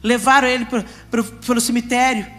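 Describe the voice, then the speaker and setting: A woman's voice: fairly high pitch, level tone, brisk. A woman preaching a sermon at a church family congress, speaking emphatically and putting questions straight to the congregation. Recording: reverberant church hall with music.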